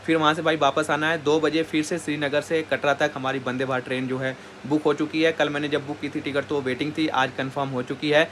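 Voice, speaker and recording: A man's voice: a little high, little pitch movement, brisk, few pauses, fairly bright tone, a little hiss or hum. A man talking casually to his viewers in a travel vlog, recorded outdoors on a small boat on a lake, calling them "brother" as he goes. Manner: chatty, keeps calling the viewer "bhai". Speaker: travel vlogger.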